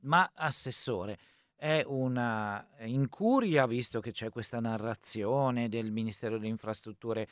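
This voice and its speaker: A man's voice: medium pitch, a little slow, no echo. Guy interviewer pushing hard with questions, eh eh fillers, dry close mic.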